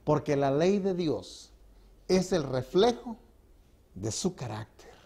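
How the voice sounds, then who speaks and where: A man's voice: fairly high pitch, sing-song, takes it slowly, gravelly, mellow, slightly rough. A man, a pastor preaching a sermon to his congregation in a church, with emphatic rises and drops and frequent rhetorical questions. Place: church sanctuary.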